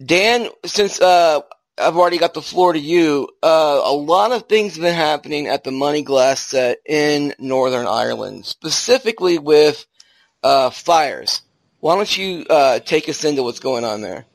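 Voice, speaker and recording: A man's voice: on the high side, expressive, a little slow, creaky, no room sound. A man hosting a podcast, chatting casually with a co-host.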